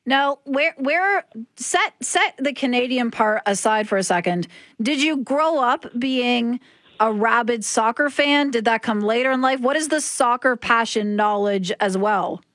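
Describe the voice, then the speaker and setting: A woman's voice: a little high, animated, a little slow, fairly bright tone, no echo. A woman hosting a morning radio show in a studio, upbeat and emphatic, often repeating words. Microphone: studio microphone.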